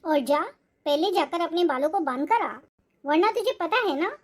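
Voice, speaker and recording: A woman's voice: very high voice, lively intonation, moderate pace, noisy background. A woman voicing a strict, controlling middle-aged mother-in-law who scolds sharply, for a cartoon. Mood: scolding. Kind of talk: cartoon voice acting.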